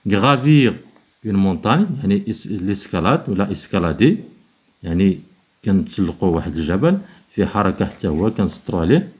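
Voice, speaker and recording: A man with a Moroccan accent, teaching French exercises, alternating quick explanation with slow, spelled-out dictation. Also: low-pitched, sing-song, darkish tone.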